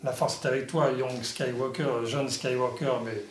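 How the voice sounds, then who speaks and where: A man presents a product in a casual, halting, explanatory way, as in a hands-on toy review. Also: medium pitch, steady tone. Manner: halting, explanatory, punctuated with little sound effects. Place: indoor room. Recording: echoey room, faint music behind.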